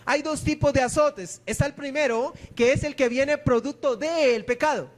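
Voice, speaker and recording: A pastor with a strikingly high voice preaches to his church. He keeps tossing questions at the congregation and then answering them himself. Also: normal speed. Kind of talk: sermon.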